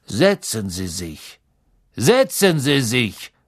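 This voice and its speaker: A man voicing a cold, menacing middle-aged professor who speaks slowly and evenly in an audiobook. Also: medium pitch, husky, full character voice. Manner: slow, even, icy.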